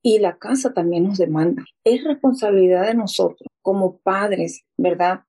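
Earnest woman, warm mellow voice. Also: mid-range voice, normal speed, breathy edge, low-quality recording. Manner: earnest storyteller, acting out quoted voices.

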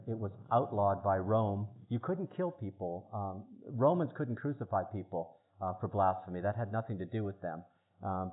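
Earnest man on a tinny phone line. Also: fairly low pitch. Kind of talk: casual explanatory talk.

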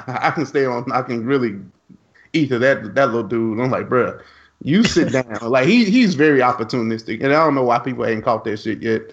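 A man co-hosting a casual podcast chat, blunt and animated, laughing often and swearing freely. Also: medium pitch, a little fast, muffled recording. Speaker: podcast co-host.

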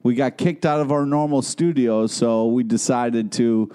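A man's voice: mid-range voice, a little slow, dark tone, clean tone. A man co-hosting a casual comic book chat, laid-back and candid with plenty of fillers, recorded in an echoey room. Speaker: podcast co-host. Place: echoey substitute room instead of usual studio.

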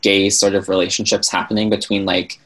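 A man's voice: lowish voice, level tone, brisk, a bit bright. A young man as a podcast guest in casual chat, joking dryly and filling his talk with "like.". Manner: sarcastic, joking, many "like" fillers.

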